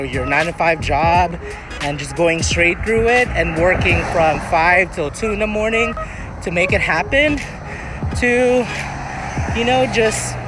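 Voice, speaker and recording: High-pitched man vlogging over music. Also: poor audio. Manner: earnest, rambling, searching for words. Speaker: vlogger answering viewer questions. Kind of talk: casual chat, encouraging advice.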